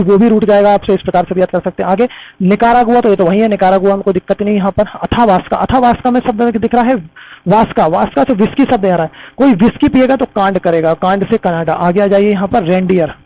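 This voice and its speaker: Guy teaching mnemonics, high voice, dry close sound. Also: a little mellow, no room sound, low-quality recording. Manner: repetitive, addresses viewers as friends. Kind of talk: exam-prep lesson with memory tricks.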